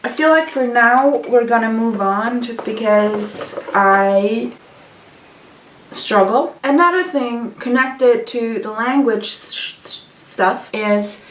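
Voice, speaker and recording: A woman's voice: on the high side, takes it slowly, slight background noise. Exasperated woman ranting in echoey room. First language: German. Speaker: vlogger. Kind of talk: casual vlog rant while doing makeup. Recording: echoey room, mic at a distance.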